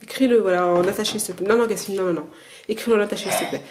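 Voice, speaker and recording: A woman's voice: medium pitch, steady tone, very fast, noisy background. A mother teaching her children at home and explaining the method to the camera in a hesitant, casual way full of filler sounds. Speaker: homeschooling mother.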